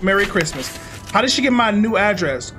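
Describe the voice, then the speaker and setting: Hosting a gaming video from a room with a green screen, this young American man jokes at his own expense and wanders off-topic, with a slight speech impediment. He talks a little fast in a high, animated, pushed, bright voice. Soft music runs in the background.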